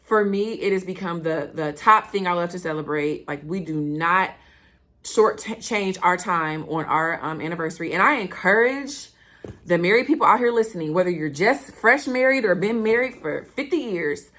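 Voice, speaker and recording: Excitable woman hosting a chatty podcast. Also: lowish voice. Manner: excitable, fast-talking and animated; chatty, addresses listeners directly. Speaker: podcast host. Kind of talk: casual solo podcast talk.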